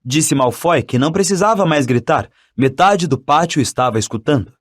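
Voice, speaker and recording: Man reading an audiobook, animated storyteller, kinda high voice. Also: normal speed. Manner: expressive, dramatic reading. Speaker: audiobook narrator. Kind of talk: scripted audiobook narration.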